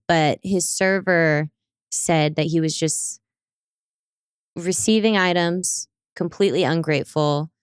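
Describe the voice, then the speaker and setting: A young woman co-hosting a podcast, telling restaurant stories in a lively, animated way and acting out the people she quotes. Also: on the low side, clean tone, no room sound, studio quality. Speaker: podcast co-host. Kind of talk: casual chat.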